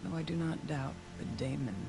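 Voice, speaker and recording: A solemn, devout shaman woman from a video game. She speaks in formal, reverent and measured phrases, seeking her spirit with conviction. Loud music plays behind her. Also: low-pitched, vocal fry. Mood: solemn, hopeful. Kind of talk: dramatic video game dialogue.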